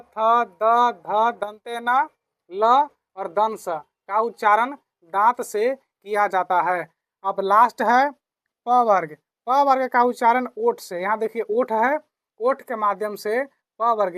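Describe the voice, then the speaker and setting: Slow, repetitive woman teacher explaining grammar. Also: a little high, a bit bright, dry recording, clean studio sound. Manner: repeats key phrases, asks and answers own questions.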